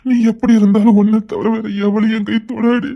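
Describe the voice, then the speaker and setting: A performer voicing a devoted young husband who swears loyalty to his crying wife and scolds others loudly, in a Tamil romance audio drama. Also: medium pitch, flat delivery, a little fast, vocal fry, highs cut off, natural voice. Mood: pleading, scolding.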